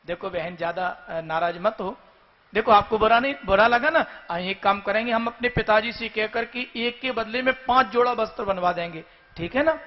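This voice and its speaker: A man's voice: high voice, normal speed, close to an everyday voice. A man doing a young princess with a short fuse. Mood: coaxing. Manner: coaxing and apologetic. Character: young princess, placating then quick-tempered. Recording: dull lo-fi recording, faint music.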